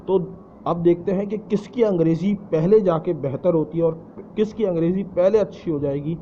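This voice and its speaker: A man's voice: high-pitched, mellow, muffled recording, a little hiss or hum. A man teaching English in Urdu, often repeating words for emphasis and slipping in English phrases. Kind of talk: spoken lesson explaining English in Urdu.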